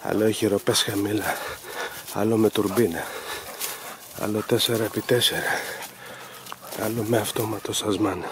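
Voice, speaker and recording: A man's voice: lowish voice, fairly even intonation, pauses often. A man training hunting dogs outdoors, explaining his methods in an instructive, emphatic way. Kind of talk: explaining to camera while working dogs. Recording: loud outdoor noise with barking dogs. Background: dogs barking.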